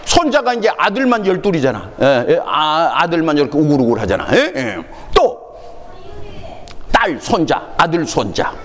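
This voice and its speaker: A man's voice: a little high, very animated, normal speed, long reverb tail. A man preaching a sermon as pastor, speaking with a Jeolla accent and telling stories with humor, quizzing his congregation and laughing along. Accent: Jeolla dialect. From Jeolla region, Korea. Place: church sanctuary.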